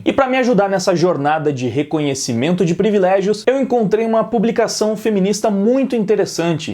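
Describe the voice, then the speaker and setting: A man with a Brazilian Portuguese accent hosting an opinion vlog, emphatic and opinionated, speaking loudly when excited. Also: sits high. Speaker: opinion video host and singer.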